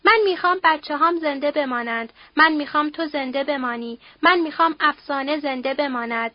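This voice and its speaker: A woman's voice: high voice, no echo, muffled recording, close to an everyday voice. A woman voicing a grieving, frightened widowed mother who speaks in a sorrowful, pleading way.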